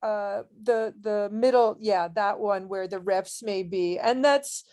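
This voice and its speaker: A woman on tournament staff giving relaxed, practical advice in a casual meeting. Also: mid-range voice, slow. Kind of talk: casual Q&A on a video call.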